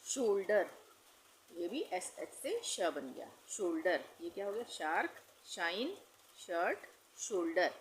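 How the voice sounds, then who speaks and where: A woman's voice: on the low side, very animated, slow, slight background noise, low-quality recording. A woman teaching English pronunciation in Hindi, patiently repeating each rule and spelling words out letter by letter. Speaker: language teacher.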